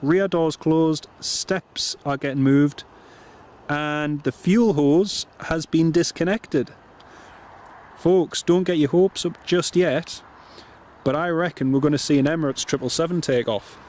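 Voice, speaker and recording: A man with a Northumbrian accent close to Geordie, chatting casually and warmly to viewers as a live planespotting streamer, often repeating his phrases. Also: fairly high pitch, unhurried. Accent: Northumbrian, near Geordie. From North East England. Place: outdoors by an airport runway.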